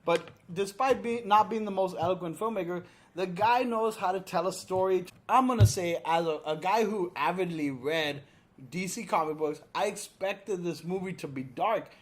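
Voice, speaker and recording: Tipsy, opinionated man with a highish voice. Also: normal speed. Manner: tipsy, drunk; opinionated, frequently swearing. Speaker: drunk movie review co-host. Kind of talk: casual movie review chat.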